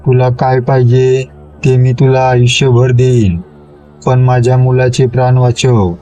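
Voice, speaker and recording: A man's voice: medium pitch, little pitch movement, a little slow, warm tone, a little hiss or hum, close to an everyday voice. A man voicing a desperate village father who pleads tearfully for his son's life in a spoken horror story. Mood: pleading. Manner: pleading, tearful, rural speech.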